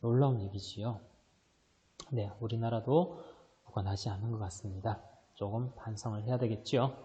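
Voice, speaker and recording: A male high school English teacher giving a recorded online lesson, explaining step by step and answering his own questions. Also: normal speed, dark tone, in a large hall. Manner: mixes English readings into Korean explanation.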